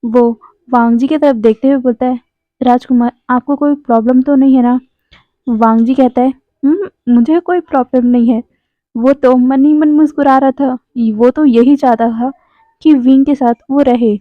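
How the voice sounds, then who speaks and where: A woman's voice: sits high, steady tone, normal speed, no room sound. A woman narrating a fanfiction story, reading out every character's lines and chatting to viewers in between. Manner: chatty, addresses viewers as guys. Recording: dry, thin phone-like sound.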